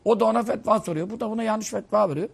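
A man's voice: sits high, very fast, vocal fry, slightly rough. A male preacher giving a conversational sermon, humorous and scolding, telling stories.

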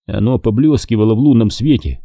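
A man narrating an audiobook with expressive reading. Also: medium pitch, brisk, no echo, studio quality. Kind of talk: scripted narration.

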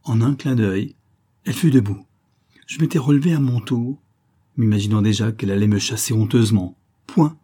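A man reading a literary short story aloud in the first person, expressive and bringing the dialogue to life. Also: medium pitch, moderate pace, husky. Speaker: audiobook reader. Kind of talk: scripted literary narration.

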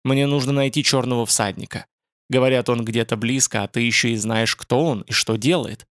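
A man's voice: mid-range voice, normal speed, no echo, clean studio sound, lightly acted. A man reading an audiobook, voicing a guarded, terse young male warrior.

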